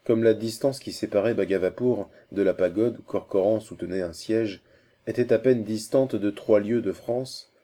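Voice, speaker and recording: A man narrating a classic adventure novel in a measured storytelling manner. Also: fairly low pitch, dark tone. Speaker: audiobook narrator.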